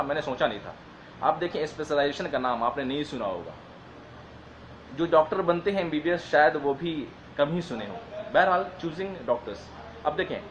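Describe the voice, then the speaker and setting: Brief: man, fairly high voice, earnest and repetitive, faint background hum, casual advice talk. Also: a bit bright, rough recording. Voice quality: modest, apologetic about his English. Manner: earnest, repetitive, reads long list slowly. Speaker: advice speaker on careers.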